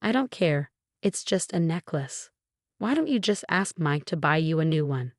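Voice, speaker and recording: A woman voicing a bossy, critical older mother-in-law who orders others around, in a steady, low-set storybook reading with a dry, close sound. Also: normal speed, dry recording. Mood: angry. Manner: demanding and scolding.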